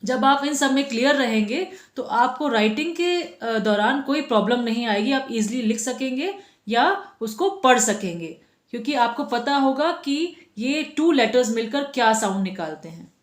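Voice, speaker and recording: A woman's voice: on the high side, expressive, normal speed, roomy sound. A woman teaching a phonics lesson to children, patiently sounding out letters one by one and asking the class questions.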